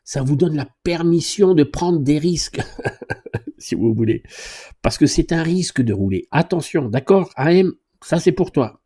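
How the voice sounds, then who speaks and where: A man's voice: on the high side, animated, unhurried, dark tone, slightly rough. A man who teaches driving, answering viewer questions live in a chatty, joking way and reading comments aloud. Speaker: driving instructor and YouTuber.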